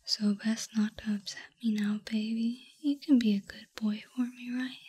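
A young woman whispering softly and teasingly into a close microphone in an intimate roleplay. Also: a little high, fairly even intonation, normal speed. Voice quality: breathy. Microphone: close sensitive mic.

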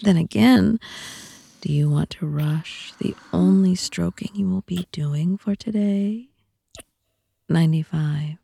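A woman speaking slowly in a teasing, often whispered voice for an intimate audio roleplay. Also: on the low side, creaky, mellow, slightly rough, dry recording. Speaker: audio content narrator.

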